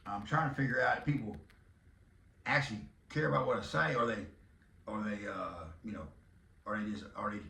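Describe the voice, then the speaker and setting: Speaking fairly quickly with frequent pauses, this man has a low, gravelly voice that sounds pushed and bright. He's a fifty-something podcast host from Texas, joking and rambling casually with occasional hollers, captured far from the mic in an echoey space.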